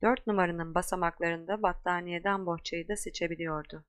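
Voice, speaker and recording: A woman with a fairly low voice reads a storybook aloud, steady and measured. The recording is dry and close, with no room sound. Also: dry recording. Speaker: audiobook narrator. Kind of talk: scripted narration.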